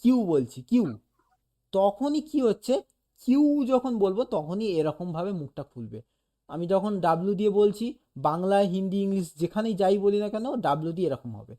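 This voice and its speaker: Patient tutor, dark mellow tone, talks a student through a lesson and sounds out examples. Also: medium pitch, expressive, normal speed. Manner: explains patiently, demonstrates sounds aloud, keeps checking "okay?". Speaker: animation teacher. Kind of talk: casual one-on-one lesson.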